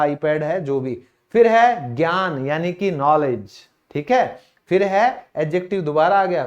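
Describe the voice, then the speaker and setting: Indian male English teacher, higher voice, casual lesson delivery, poses questions then answers them. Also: darkish tone, lo-fi sound. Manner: casual and direct, calls listeners brother. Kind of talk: classroom-style lesson.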